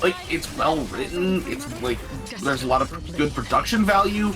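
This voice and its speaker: A man's voice: on the high side, animated, normal speed. A man chatting casually over gameplay as a co-commentator, with a geeky, playfully enthusiastic manner. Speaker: co-commentator on a game stream. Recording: game music behind the voice. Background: game music.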